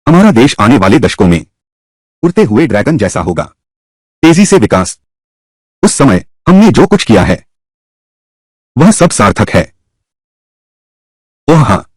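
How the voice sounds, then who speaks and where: This is a confident young entrepreneur voiced by a man in a drama dub. He speaks in a steady, persuasive way, and his pitch moves lively through each line. The recording is close and dry. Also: a little slow, pauses often, husky, dry recording. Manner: assured, calmly persuasive.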